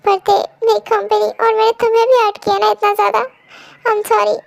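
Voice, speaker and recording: A woman's voice: high-pitched, level tone, a little mellow, dry recording, lightly acted. A young woman voicing an anguished young husband. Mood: distraught. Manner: pleading, emotional, halting. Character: troubled young husband, grieving and pleading. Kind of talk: amateur fan dub drama.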